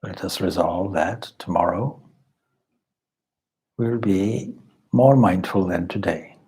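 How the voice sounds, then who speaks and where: Low-pitched and breathy with a husky texture, a man acting as a spiritual teacher takes listeners through a guided meditation. He stays calm and measured, pausing deliberately.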